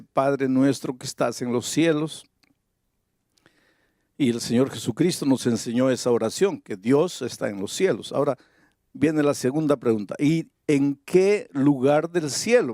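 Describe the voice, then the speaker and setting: A man preaching a sermon, reading Bible verses slowly and deliberately and building to emphatic high points. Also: dark tone, dry recording, clean studio sound.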